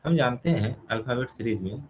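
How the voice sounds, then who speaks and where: A man's voice: mid-range voice, expressive, fairly quick, dull audio, slight background noise. A man teaching a reasoning class, asking questions aloud and answering them himself while counting through steps. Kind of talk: explaining a classroom problem.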